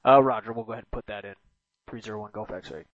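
A man's voice: lowish voice, fairly even intonation, quick pace. A man flying as a pilot, calling ground control over an aviation radio transmission and hesitating as he reads back. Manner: hesitant, many uh fillers. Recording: muffled dry radio audio.

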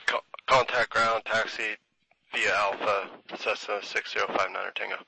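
A man's voice: lowish voice, steady tone, normal speed, gravelly, sharp tone, breathy edge. A man speaking as a pilot over a headset radio, making calls in aviation phraseology. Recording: faintly noisy, clicking radio link.

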